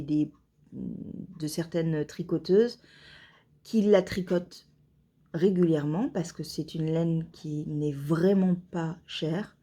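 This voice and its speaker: A woman vlogging casually at home, hesitant and chatty with many pauses and fillers. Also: on the low side, mellow. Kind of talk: casual vlog chat.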